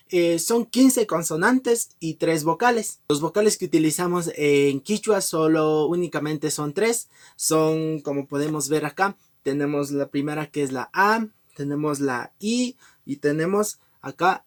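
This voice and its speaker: Guy teaching the alphabet, friendly, says each sound slowly twice. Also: fairly high pitch. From Ecuador. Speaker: amateur language teacher. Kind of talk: casual online lesson.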